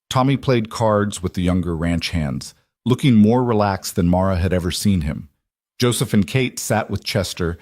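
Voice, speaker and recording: A man reading a western audiobook in a measured scripted narration. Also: deep voice, a little mellow, no room sound, studio quality.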